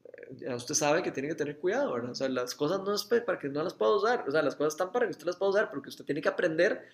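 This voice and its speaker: A man's voice: fairly high pitch, animated, fast talker, gravelly. A middle-aged Costa Rican man, a father, telling a faith story in casual chat with many restarts. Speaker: father sharing a testimony.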